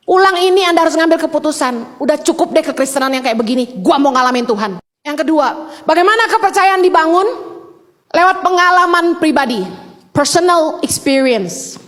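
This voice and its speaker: Middle-aged woman preacher, very high voice, emphatic delivery with English asides. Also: a bit bright. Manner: emphatic, mixes in English phrases. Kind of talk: sermon.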